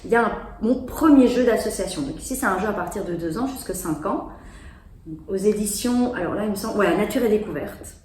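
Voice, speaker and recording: A woman's voice: mid-range voice, lively intonation, fairly quick, a little mellow. A woman chats her way through a demo of children's board games, explaining each step as she plays. She sits in an echoey room, with faint noise in the background. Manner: chatty, explaining while playing. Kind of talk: casual product demo.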